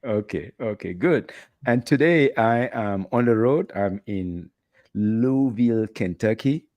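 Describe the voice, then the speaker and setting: A middle-aged man hosting an interview over a video call from a hotel room, asking questions in an animated, playful way with rising emphasis. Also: on the low side, unhurried, dry recording. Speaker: host. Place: hotel room while traveling. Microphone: headset with video call, red foam mic.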